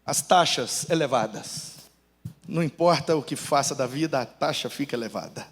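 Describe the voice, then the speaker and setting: A man's voice: medium pitch, moderate pace, big-room sound. A man, a pastor with a Brazilian Portuguese accent, preaching a sermon full of humorous family stories. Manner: animated storyteller, shifts between voices. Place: church.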